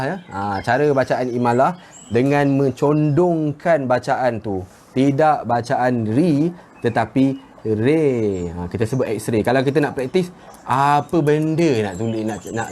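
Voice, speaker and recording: A man teaching Quran recitation in a live lesson from a garden, relaxed and chatty, drawing out example words slowly. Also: medium pitch, a little hiss or hum. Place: outdoors in a garden with birdsong. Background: birdsong.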